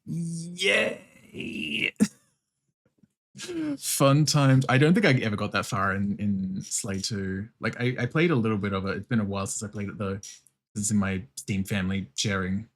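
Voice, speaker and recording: A man's voice: fairly low pitch, animated, moderate pace. An Australian man chatting casually on an art livestream, welcoming viewers with an easygoing, sweary, giggly manner. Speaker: streamer and artist. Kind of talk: casual livestream chat while drawing.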